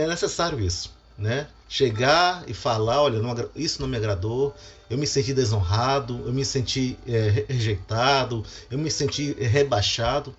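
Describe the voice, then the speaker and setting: A middle-aged Brazilian pastor, a man, giving a devotional talk on family and acting out quoted lines. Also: mid-range voice. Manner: animated, acts out quoted lines. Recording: dull lo-fi with faint music.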